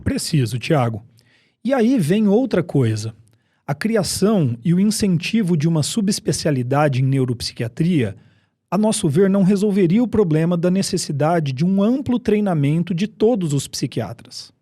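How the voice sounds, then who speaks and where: Mellow-voiced Brazilian host, measured. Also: male voice, sits high, lively intonation, no room sound, clean studio sound. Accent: Brazilian Portuguese. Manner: measured, explanatory. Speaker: psychiatry podcast host. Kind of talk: scripted podcast discussion.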